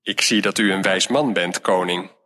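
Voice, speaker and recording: A man playing a calm, wise shepherd. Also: sits low, moderate pace, voice pushed down. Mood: patient. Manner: gentle, patient. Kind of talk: storybook reading. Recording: long hall reverb.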